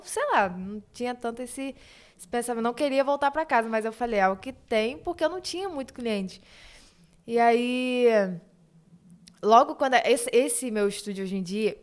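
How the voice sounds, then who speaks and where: Brief: young Brazilian woman, fairly high voice, lively anecdotal chat. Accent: Brazilian Portuguese. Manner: animated storyteller, quotes others in dialogue. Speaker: guest, eyebrow studio owner. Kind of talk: casual podcast chat.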